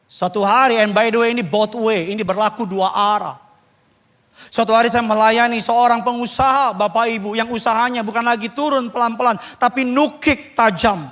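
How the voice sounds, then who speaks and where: A male pastor preaching from the pulpit in a lively, humorous way, acting out the voices of his congregants. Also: very high voice, normal speed, big-room sound. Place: church pulpit.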